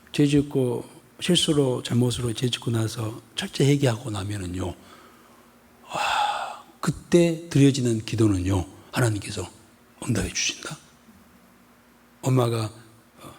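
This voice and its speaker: A male pastor from the area, medium-pitched and husky, preaches expositorily in a church hall with a long reverb. Full of animation, he questions the congregation rhetorically again and again and dramatizes scenes, one of them a mother scolding.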